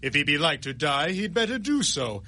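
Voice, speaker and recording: An actor playing a stern, solemn, reproachful spirit in a grand, declamatory old radio drama style. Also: male voice, fairly high pitch, very animated, normal speed, pushed and bright. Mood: stern, scornful.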